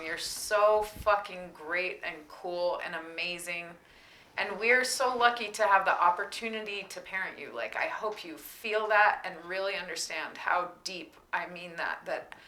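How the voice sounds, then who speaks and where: A woman's voice: mid-range voice, pushed and bright, echoey room, rough recording. A woman and parent speaking heartfelt words to her son in a family talk, sometimes close to tears. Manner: heartfelt, tearful at times. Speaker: parent and co-host.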